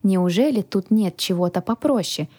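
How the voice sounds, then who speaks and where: Lively woman narrating a storybook. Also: mid-range voice, moderate pace, slightly rough. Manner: lively, voices the dialogue. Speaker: audiobook narrator. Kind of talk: first-person audiobook narration.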